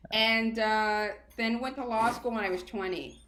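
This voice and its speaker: A woman's voice: on the high side, steady tone, a little slow, fairly bright tone. A woman, talking casually and chattily as a guest in an interview. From Queens, New York, United States. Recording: roomy, echoey sound.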